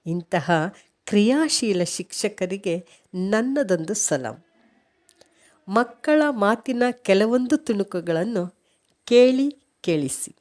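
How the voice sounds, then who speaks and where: Slow, lively-pitched woman presenter. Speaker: presenter introducing a school play. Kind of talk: spoken introduction.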